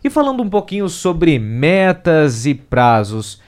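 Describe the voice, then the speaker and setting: A man's voice: on the high side, big pitch swings, measured pace, darkish tone. A man hosting an interview, conversational and asking questions. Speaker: radio host.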